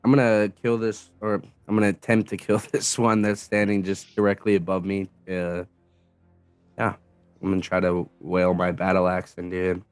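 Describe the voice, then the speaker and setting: A man's voice: low voice, little pitch movement, moderate pace, no echo, faint music behind. A man playing a tabletop game, eagerly declaring his attacks. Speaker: player. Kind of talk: casual game chat.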